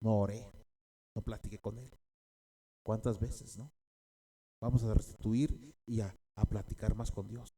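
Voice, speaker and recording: Dark-voiced pastor preaching. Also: male voice, fairly low pitch, steady tone, a little slow, long pauses, slightly rough. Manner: repeats key phrases, checks in with the congregation. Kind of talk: sermon.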